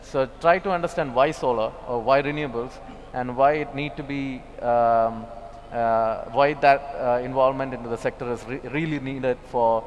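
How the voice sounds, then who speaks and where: A man's voice: medium pitch, fairly even intonation, moderate pace, lo-fi sound, slight background noise. A man from Kerala speaking as a panelist at a panel discussion, hesitant with many fillers. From Kerala, India. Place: large expo hall. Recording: hall reverb, faint ambience.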